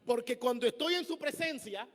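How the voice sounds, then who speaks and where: High-voiced preacher in a hall. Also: male voice, normal speed. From Dominican Republic. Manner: emphatic preaching, swings between loud and soft. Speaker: pastor. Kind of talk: sermon. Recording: long hall reverb.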